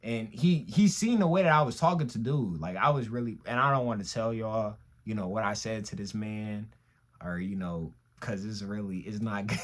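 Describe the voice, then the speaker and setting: A young man vlogging, telling a personal story in slangy, emphatic talk that swings between loud outbursts and quiet asides. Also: on the low side, moderate pace. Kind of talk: casual storytelling monologue.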